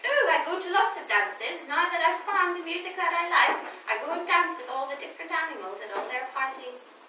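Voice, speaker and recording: A teacher voicing Gerald, a gentle shy giraffe. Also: female voice, extremely high pitch, animated, brisk. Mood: gentle storytelling. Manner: soft, storytelling, answering pupils kindly. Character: gentle shy giraffe who loves dancing. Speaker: teacher in role. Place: primary school classroom. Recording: echoey classroom, distant mic, noisy.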